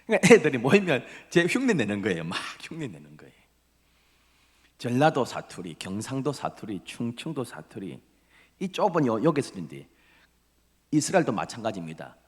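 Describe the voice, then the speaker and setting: A middle-aged man from Busan with a Busan accent, preaching a dramatic sermon that swings from loud emphasis to breathy whispers. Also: mid-range voice, wildly swooping pitch, normal speed. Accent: Gyeongsang (Busan) Korean. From Busan, South Korea. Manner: dramatic preaching, drops to breathy whispers, acts out quoted voices. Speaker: pastor. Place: church sanctuary. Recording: long reverb of a church hall.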